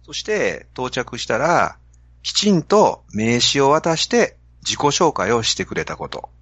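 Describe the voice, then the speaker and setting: Lively Kansai man explaining on a podcast. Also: medium pitch, measured pace, husky, no room sound, muffled recording. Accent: Kansai Japanese. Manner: animated storytelling, explaining a business idea. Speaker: podcast host. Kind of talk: casual podcast talk.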